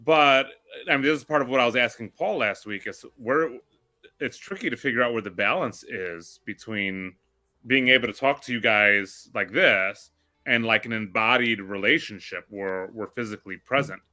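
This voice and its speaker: A man with a bright, sharp tone talks over a casual group chat. He muses reflectively and keeps turning things into probing questions. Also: medium pitch, normal speed.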